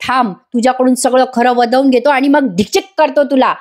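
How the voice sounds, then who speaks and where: A mocking, hot-tempered comic villain, read out by a woman snaps orders and taunts his captive. The voice sits high and light. He sounds bossy and sneering. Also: a little fast, a little mellow, close to an everyday voice.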